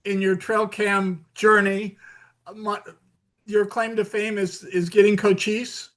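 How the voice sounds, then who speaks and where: A male podcast host with a high, bright, forceful voice chats casually with his guest. He jumps in eagerly with questions and quick agreement. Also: level tone. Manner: enthusiastic, quick interjections and questions. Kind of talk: casual interview chat.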